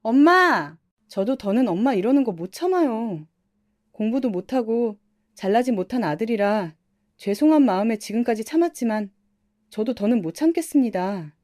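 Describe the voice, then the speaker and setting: A woman's voice: on the high side, lively intonation, moderate pace, warm tone, no echo, studio quality, lightly acted. A woman voicing a grown son, hurt and pleading emotionally with his mother.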